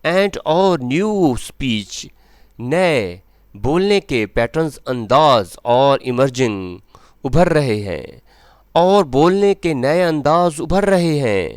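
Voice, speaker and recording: A male English teacher translating a school text phrase by phrase, repeating each word slowly with its meaning. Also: medium pitch, lively intonation, dry recording.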